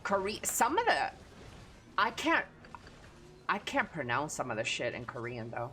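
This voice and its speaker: A Texan woman with a Southern accent chats with viewers during a game stream, laid-back, crude and full of profanity. Her voice is low and sharp, swinging hugely in pitch, and she talks a little slowly.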